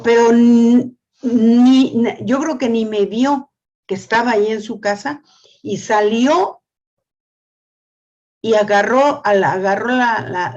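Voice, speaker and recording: A woman's voice: on the high side, darkish tone. Older woman teaching, dull lo-fi sound. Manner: repeats words, asks "¿sí?" often. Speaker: family school teacher. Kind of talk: church teaching talk.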